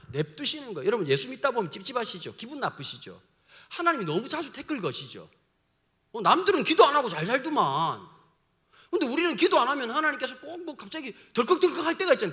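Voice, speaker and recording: A man's voice: very high-pitched, bright, forceful tone. A male pastor preaching a sermon in a joking, slangy way, often asking the congregation questions.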